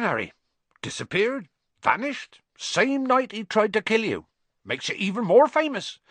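A man doing a gruff husky bearded giant. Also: mid-range voice, a bit bright, no room sound, pitched above the performer's own voice, exaggerated voice. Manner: rough, dropped grammar. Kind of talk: audiobook character voice.

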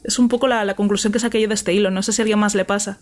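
A woman's voice: mid-range voice, steady tone, rapid-fire. A woman co-hosting a casual podcast, speaking with many fillers and restarts. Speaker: podcast co-host.

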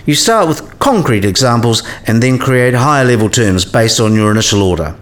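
Voicing the radio play's professor, the mid-pitched male actor lays out explanations precisely and methodically, frequently quizzing his listener as a patient tutor would. The intonation is lively, the pace moderate and the acting light.

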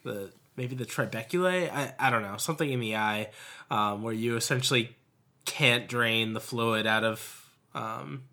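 A resident physician talks his way through a case presentation, stalling on ums and restarting phrases as he searches for the right term. His voice sits in a middle range with a bright, forward tone. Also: mid-range voice, moderate pace. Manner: hesitant, lots of ums and restarts under pressure. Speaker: medical resident. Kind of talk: oral exam case presentation.

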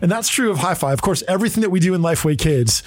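A man's voice: sits high, animated, rapid-fire, dry recording. A man hosting a ministry podcast, explaining things in an upbeat, affirming way and asking his guest questions. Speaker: podcast host. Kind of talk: conversational interview.

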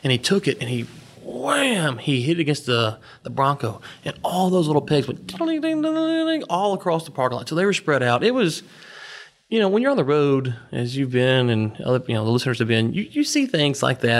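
A man's voice: medium pitch, sing-song, fast. A man as a podcast guest, telling a casual story with many "you know" fillers.

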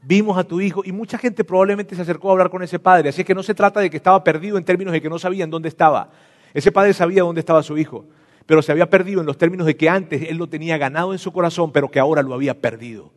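A man's voice: on the high side, steady tone, very fast. A preacher who tells a story dramatically and speaks directly to his listeners. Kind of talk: sermon. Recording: long reverb of a large hall.

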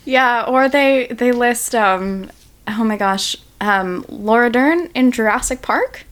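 A woman's voice: fairly high pitch, slow. A woman guest on a podcast, chatting casually, often laughing and making sarcastic asides. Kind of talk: casual chat.

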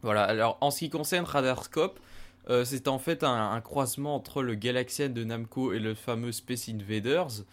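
A man's voice: mid-range voice, moderate pace. Man, podcast host, casual discussion, hesitant delivery, many fillers.

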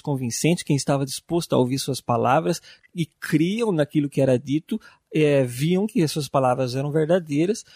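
A Brazilian man with a slightly raised pitch talks through matters of faith in an earnest, reflective way. He draws his words out and leans on fillers. The sound is close and dry. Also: a little mellow, husky, dry recording. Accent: Brazilian Portuguese. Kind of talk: casual faith discussion.

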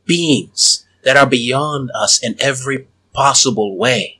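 A man voicing a calm male tea server devoted to dragons, speaking slowly and persuasively. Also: medium pitch, slightly rough, full character voice. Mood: solemn. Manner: calm, slow, hypnotic persuasion.

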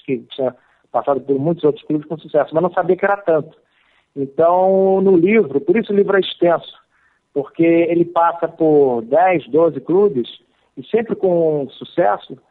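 A man, an author answering interview questions with hesitant fillers and restarts. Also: on the high side. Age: 50s. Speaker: author, guest. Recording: tinny phone line.

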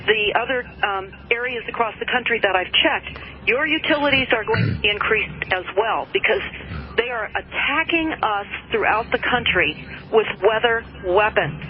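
A woman from the United States speaking as a radio show guest, earnest and alarmed about conspiracies, with halting ums. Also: on the high side, expressive. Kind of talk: talk radio commentary. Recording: dull phone-in audio with noise.

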